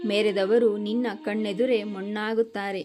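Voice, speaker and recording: A woman's voice: medium pitch, flat delivery, normal speed. A woman giving a scripted motivational narration, speaking in a solemn, admonishing way straight to the listener. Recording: voice over clear background music.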